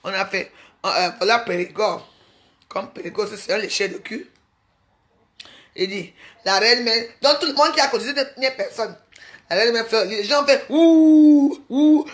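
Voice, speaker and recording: A woman talking to her online followers in a mocking, scolding rant, full of quick restarts and jabs. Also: on the high side, bright, forceful tone. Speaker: social media personality. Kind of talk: ranting live video.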